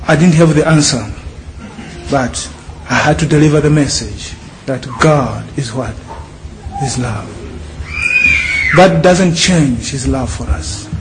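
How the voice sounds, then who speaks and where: Slow and lively in intonation, a middle-aged preacher from Zambia pauses often and asks his congregation to complete his sentences, call-and-response style. His voice is a little high, and the archived church hall recording is low quality with faint noise.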